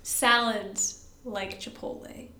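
A young woman co-hosts a podcast in casual chat, her mid-range voice bright and forceful, with fairly even intonation and a slow pace. She rambles, giggles, pokes fun at herself and sounds tired. The room has a roomy echo and there is a little hiss or hum.

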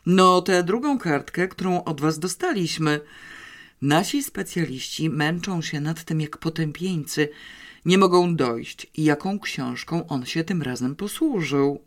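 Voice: medium pitch, expressive, measured pace. Narrator doing a wry police captain. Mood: coaxing. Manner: coaxing, slightly mysterious. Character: adult male police captain, patient, wry. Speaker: adult character in an audiobook. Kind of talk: audiobook character reading.

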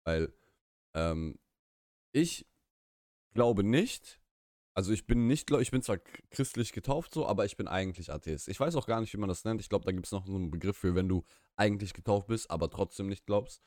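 A young Russian-speaking man co-hosts a podcast, chatting casually on a live stream from a small room, rambling, opinionated and often restarting or correcting himself. His lowish voice is animated, slightly fast and darkish, recorded clean in the studio with no room sound.

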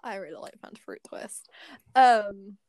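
A young woman chatting on a fan podcast, rambling and excited, her sentences tumbling out with lots of fillers and restarts. Her voice sits at a middle pitch and is recorded close and dry, with no room sound. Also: moderate pace, no echo. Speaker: podcast co-host. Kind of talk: casual fan podcast chat.

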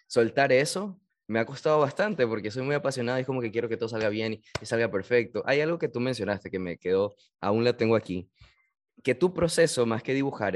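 A young man hosting an interview, talking at length in a reflective, self-critical way. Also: medium pitch. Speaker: interview host. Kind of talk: casual interview chat.

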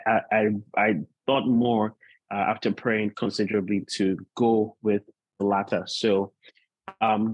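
A man preaching as a guest pastor in an informal, measured, unhurried way, often repeating points for emphasis. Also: lowish voice, no room sound, poor audio. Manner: unhurried, measured delivery with deliberate repetition. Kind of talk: sermon, informal preaching to an online gathering.

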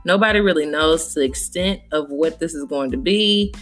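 A woman's voice: low voice, normal speed, soft background music. A young woman hosting a casual solo podcast from home, blunt and profane, chatting straight to her listeners. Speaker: podcast host. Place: home recording space.

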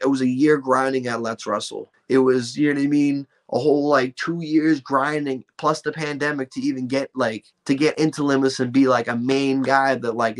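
A young man talking loosely in an interview, his thoughts tumbling out with constant fillers and restarts. His voice sits at an ordinary middle pitch for a man. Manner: rambling, full of "like" and "you know what I mean". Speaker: professional wrestler guest. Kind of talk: casual interview chat.

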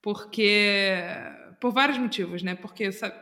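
A woman's voice: mid-range voice, a little slow, bright, forceful tone. A woman, a podcast guest speaking earnestly in casual chat and repeating words for stress.

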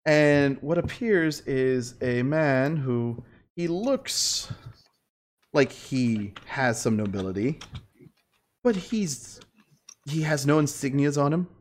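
A man narrating a tabletop game as game master, in a halting, conversational, improvised way. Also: mid-range voice, animated. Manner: halting, conversational, laughs readily.

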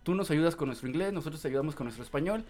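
A young Mexican man co-hosting a podcast, loud, playful and teasing in casual chat. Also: fairly high pitch, animated, rapid-fire, soft background music. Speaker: podcast co-host.

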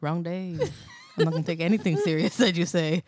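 A woman's voice: fairly low pitch, fairly quick, a little mellow. A young woman co-hosting a podcast, telling stories casually with laughs and swearing. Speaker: podcast co-host. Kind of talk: casual chat.

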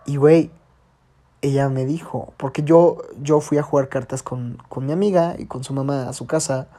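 Slightly hoarse Mexican man, casual. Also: medium pitch, steady tone, moderate pace, mellow. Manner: slangy and frank, peppered with swearing. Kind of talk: casual confessional monologue.

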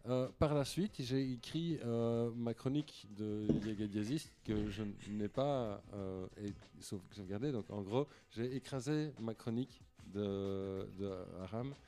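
Halting man, dark voice. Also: on the low side. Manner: halting, many restarts and fillers. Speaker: podcast host presenting an album. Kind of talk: casual podcast banter.

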